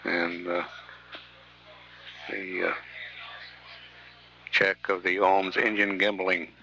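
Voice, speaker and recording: Deep, halting male mission control announcer. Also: little pitch movement, creaky, pushed and bright. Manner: halting, measured, pausing mid-sentence. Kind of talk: live mission commentary. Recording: faint radio hiss.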